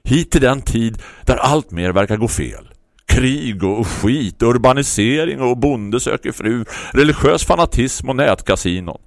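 A man voicing an excitable male neighbor who shouts urgently and preaches about a cause. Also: mid-range voice, no room sound, clean studio sound, pitched above the performer's own voice, lightly acted. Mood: fervent.

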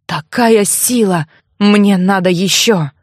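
A woman's voice: medium pitch, slow, darkish tone, no echo, studio quality. A woman doing a snarling power-hungry young man. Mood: greedy, demanding. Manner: gruff barking commands.

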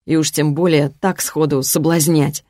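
Woman doing a soft-spoken young male mage, teasing, unhurried, lowered voice, dry close sound. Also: fairly even intonation, no room sound. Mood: calm teasing.

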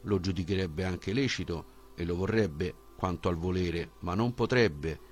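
A man's voice: deep voice, measured pace, faint music behind. A man voicing a brash, defiant ancient Greek sophist in an audiobook reading, answering bluntly and dismissively.

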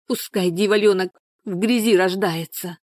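A woman's voice: mid-range voice, moderate pace, a little mellow, no echo, studio quality, close to an everyday voice. A woman voicing an exhausted, bitter peasant woman in labor who moans and speaks harshly. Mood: groaning bitter. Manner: moaning, harsh, desperate.

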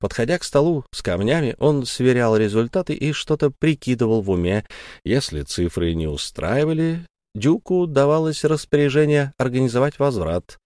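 A man narrating an audiobook story in a measured storytelling manner. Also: mid-range voice, expressive, a little mellow, no echo, studio quality.

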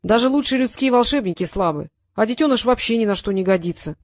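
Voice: medium pitch, expressive, fast, no room sound, clean studio sound, lightly acted. A reader voicing a huge, dismissive older-sibling dragon in an audiobook. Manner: roaring, dismissive. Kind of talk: audiobook character reading.

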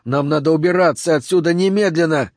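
A man voicing a frightened, angry man who snaps in a hoarse voice. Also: a little high, brisk, dry recording, clean studio sound, voice pushed up, close to an everyday voice. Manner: hoarse, snapping.

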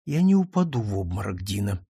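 A man voicing a gentle little girl who speaks softly and earnestly. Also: very deep voice, big pitch swings, fairly quick, breathy edge, dry recording, studio quality, voice pushed down, exaggerated voice. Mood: sad, firm. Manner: soft, earnest.

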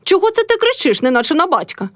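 A woman's voice: extremely high pitch, sing-song, quick pace, a bit bright, dry recording, studio quality, voice pushed up, heavily acted. A woman reading aloud, voicing a mocking younger peasant brother.

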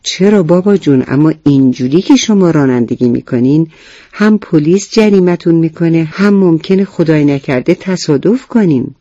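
A man's voice: on the high side, expressive, mellow, no room sound, highs cut off, lightly acted. A man doing an eager little schoolboy. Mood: earnest. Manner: eager, lecturing about safety rules. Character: earnest rule-minded schoolboy, first grader.

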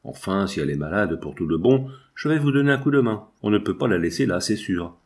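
A man's voice: fairly low pitch, expressive, fairly quick, natural voice. Man reading a grumbling omnibus conductor for an audiobook, blunt and unmoved. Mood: gruff. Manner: blunt, colloquial. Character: grumbling middle-aged male omnibus conductor, stolid.

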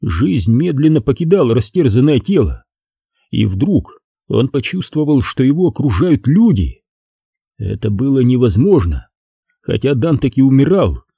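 A male narrator reads a thriller with expressive, lively intonation. His voice is dark, mellow and a little husky, and the recording is dry and close with no room sound. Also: mid-range voice, normal speed, no room sound. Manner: expressive, tense storytelling. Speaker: audiobook reader. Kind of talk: dramatic audiobook narration.

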